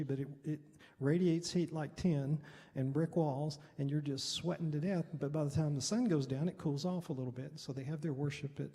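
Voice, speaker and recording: A husky, gravelly-voiced American pastor in middle age teaches through personal stories, his delivery informal and hesitant, with frequent throat clearing. Pitch runs fairly high and the tone is warm, heard through long hall reverb.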